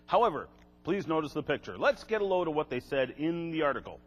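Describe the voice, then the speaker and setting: A slightly high male voice talks fast with big swings in pitch. An older man presents a creationist seminar to a live audience, dropping wry, sarcastic asides, in an echoey hall with faint music behind him.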